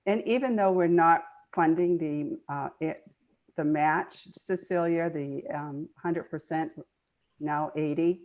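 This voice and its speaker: An older woman with a deep, darkish voice speaks conversationally as a guest in an online meeting. She is a nonprofit foundation trustee and explains things earnestly, repeating words for emphasis.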